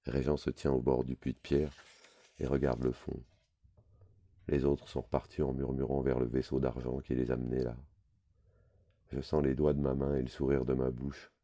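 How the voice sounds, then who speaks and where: A man reading a literary story aloud in a measured, low, intimate way. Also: level tone, creaky, mellow. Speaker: reader.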